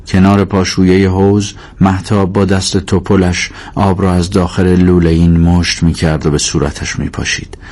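Low-voiced male audiobook narrator. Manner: measured, even storytelling. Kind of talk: audiobook reading.

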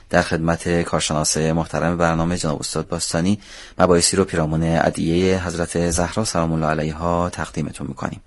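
A man with a low voice presents a religious radio programme. His delivery is formal, courteous and reverent. The sound is close and dry, as in a studio. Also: dry recording. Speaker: radio host.

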